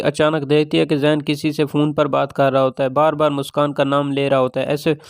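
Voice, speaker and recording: A man retelling a television drama episode's plot in a steady, matter-of-fact narration. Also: fairly high pitch, clean tone, no echo, studio quality. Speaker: drama reviewer.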